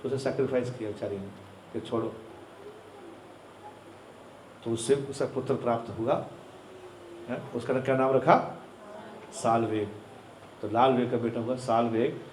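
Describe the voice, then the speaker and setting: A man's voice: mid-range voice, normal speed, reverberant, a little hiss or hum, poor audio. A man telling a devotional story as a sermon, acting out the characters and slipping English phrases into his talk. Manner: animated storyteller who acts out characters and mixes in English phrases.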